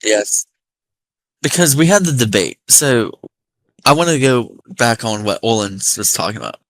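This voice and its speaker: A man's voice: mid-range voice, animated, normal speed, dry recording, rough recording. Man, American accent with slight Appalachian, dry close sound, casual rambling storytelling, sweary. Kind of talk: casual chat, telling anecdotes.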